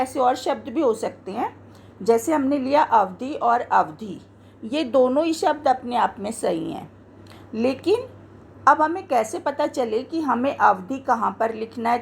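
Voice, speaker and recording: Speaking very slowly and deliberately, a woman teacher guides students through a grammar lesson in a fairly high voice with a gravelly edge. She explains each step while pointing to the words she has marked, over faint underlying noise.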